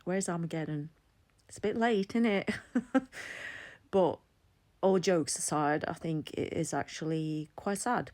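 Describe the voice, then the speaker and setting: Speaking to camera in a personal vlog, a woman in her forties from Latvia is open and talkative, with laughter slipping in between her thoughts. She sounds low and a little mellow, unhurried, with long pauses.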